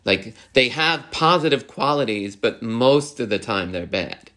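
This is a young man in a casual podcast chat who talks in loose, halting bursts. He circles back and restarts his thoughts often, and he gets animated when he slips into imitating other people. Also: mid-range voice. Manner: rambling and halting, full of restarts and fillers.

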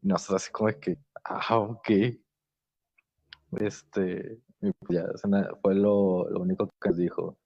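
A young man, co-hosting a podcast in laid-back, slangy casual chat with some halting restarts. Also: sits low, steady tone, vocal fry, a little mellow. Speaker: podcast co-host. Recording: dull lo-fi podcast audio.

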